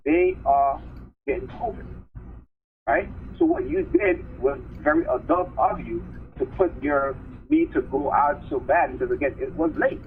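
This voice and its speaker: A man vents down a phone line, his voice leaping high and dropping low as he retells a long grievance. He rambles, circles back and keeps asking "right?" for agreement. The sound is thin and tinny, with a faint hiss behind it. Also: wildly swooping pitch, normal speed. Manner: aggrieved, repeats himself, leans on "right?" and "okay?". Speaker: caller on a support live stream.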